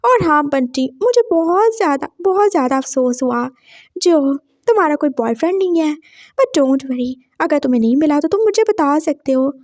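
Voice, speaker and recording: A woman's voice: sits high, expressive, moderate pace, a little mellow, dry recording, clean studio sound. A woman voicing a cocky young male college student who taunts and teases in a story reading. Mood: taunting. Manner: taunting, teasing.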